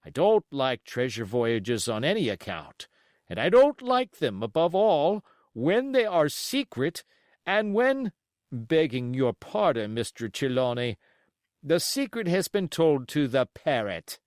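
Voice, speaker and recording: A stern, plain-spoken sea captain, as acted by a male audiobook reader. He bites off formal, emphatic phrases at a slow pace. His pitch leaps about stubbornly. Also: sing-song, a little mellow, no echo, clean studio sound. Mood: blunt, disapproving. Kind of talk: audiobook character acting.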